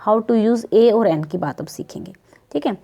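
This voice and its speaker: An Indian woman teaching an English grammar lesson at an unhurried pace. Her voice is mellow and soft-edged. She keeps repeating example words and checking that her pupils follow. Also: medium pitch, creaky. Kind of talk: worksheet lesson explained in Hindi.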